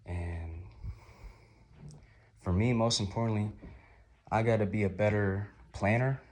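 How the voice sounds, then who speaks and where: Deep-voiced young man vlogging. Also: measured pace. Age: 20s. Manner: rambling, upbeat, gently motivational. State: hoarse. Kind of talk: reflective casual vlog.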